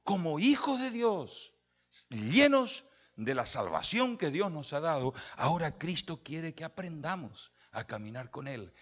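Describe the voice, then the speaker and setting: A man's voice: fairly bright tone, husky. A man preaching a sermon as pastor, telling a story and quoting the people in it. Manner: storytelling preacher quoting conversations, emphatic pitch swings.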